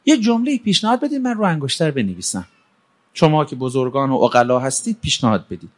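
A man voicing a proud and impatient king who gives orders and is quick to anger, in a spoken folk tale. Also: mid-range voice, very animated, voice pushed down. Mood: requesting.

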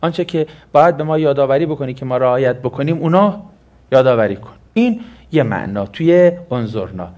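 A man's voice: mid-range voice, lively intonation, darkish tone, dull audio. A man giving a lesson explaining a Quranic verse, posing questions and answering them himself. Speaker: Quran teacher.

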